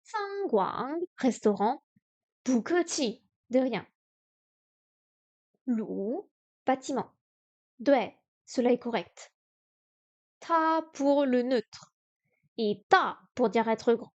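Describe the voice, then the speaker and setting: A woman streaming herself studying Chinese, sounding out words slowly and correcting herself aloud. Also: sits high, expressive, darkish tone, lo-fi sound. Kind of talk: live-stream study session.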